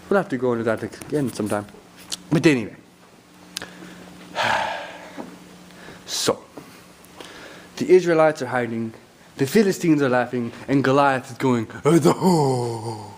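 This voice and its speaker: A man's voice: medium pitch, normal speed, pauses often, a little hiss or hum. A man retelling a Bible story in a comic way, with playful, teasing asides to his listeners.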